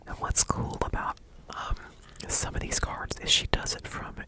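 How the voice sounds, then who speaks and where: An ASMR host speaking in a soft whisper, halting and unhurried, as if sharing things casually with viewers.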